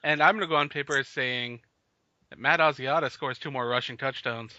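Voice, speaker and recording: A man's voice: medium pitch, a little fast, bright, forceful tone, no room sound. A man co-hosting a casual sports podcast, leading the talk and laughing often. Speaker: podcast co-host. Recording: dull lo-fi podcast audio.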